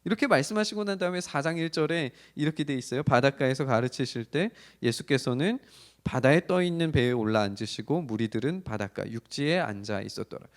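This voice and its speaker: A man preaching a sermon for an online church service, retelling a Bible story in an animated storytelling manner. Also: mid-range voice, fairly quick. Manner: animated storytelling, acting out the disciples' cries. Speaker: pastor.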